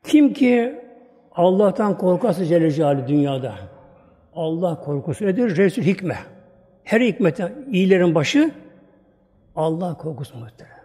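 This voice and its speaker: A man's voice: sits high, dark tone. A male preacher delivering a sermon, telling a story dramatically and repeating phrases for emphasis. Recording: long hall reverb.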